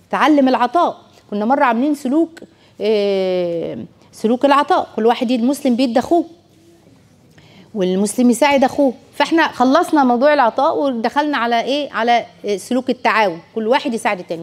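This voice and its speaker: A woman with an Egyptian accent lectures parents at a brisk clip, her voice sitting high. She talks in a lively way and often slips into children's voices to act out scenes. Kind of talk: lecture to an audience.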